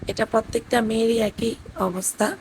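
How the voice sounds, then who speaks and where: A hoarse woman narrates her family vlog in an even, flat tone. Her worn voice has a gravelly, cracking edge, and faint noise sits under the recording. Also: fairly high pitch, normal speed, low-quality recording. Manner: gentle storytelling with fillers. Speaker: vlogger narrating family trip. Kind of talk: voice-over narration. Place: indoors at her parents' house.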